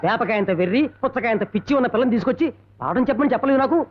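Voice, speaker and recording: A fretful old schoolmaster rattles off complaints in a very high, very fast voice. It comes from an old film comedy with a dull, lo-fi sound. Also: male voice, a little hiss or hum. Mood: indignant. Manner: complaining, theatrical exaggeration. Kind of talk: 1980s film comedy dialogue.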